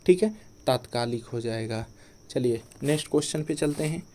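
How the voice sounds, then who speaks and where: Man drilling grammar in a mellow voice. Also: mid-range voice, moderate pace, a little hiss or hum. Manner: repeats each point as a quiz question, then answers it. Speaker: Hindi teacher. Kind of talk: exam-prep grammar lesson.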